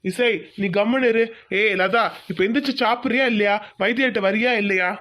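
A woman voicing a proud, stern village farmer father in a cartoon, demanding and slow to give in. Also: fairly high pitch, a bit bright, lightly acted. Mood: defiant. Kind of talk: cartoon voice acting.

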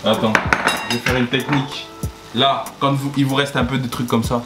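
A man's voice: mid-range voice, level tone, moderate pace. A young man co-hosts a casual home cooking video, explaining the steps to camera. His voice bounces around an echoey tiled kitchen, with music and sizzling behind him. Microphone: camera at about arm's length or further.

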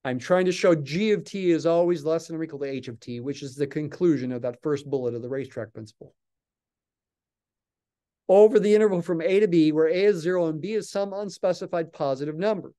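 Older man lecturing calculus, mellow and smooth. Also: fairly high pitch, a little fast. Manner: patient, thinking aloud while writing. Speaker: math lecturer.

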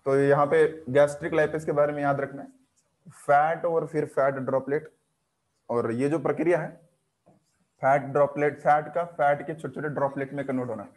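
A man teaching a live online biology class, quizzing his students with quick questions. He mixes English terms into his talk, repeats key words and keeps a teasing, encouraging manner. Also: a little high, a little mellow.

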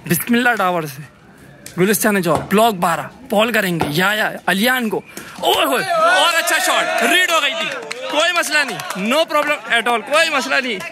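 A man giving excitable live commentary on a night street cricket match, shouting praise for good deliveries. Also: very high-pitched, moderate pace. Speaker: vlogger doing live commentary. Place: outdoor floodlit street cricket ground at night. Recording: noisy crowd around a phone mic.

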